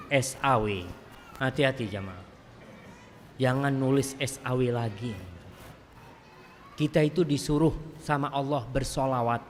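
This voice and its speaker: A male Islamic preacher answering congregation questions in a lively, joking sermon style, often rising high when teasing the audience. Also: slight background noise. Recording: reverberant hall with faint ambience.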